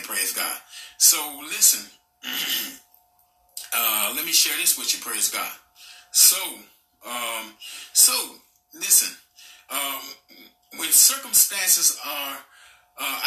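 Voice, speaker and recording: A man's voice: mid-range voice, sharp tone, distant mic. A middle-aged man preaching a sermon, stringing his points together with constant "amen" and "praise God". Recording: echoey room, voice off-mic.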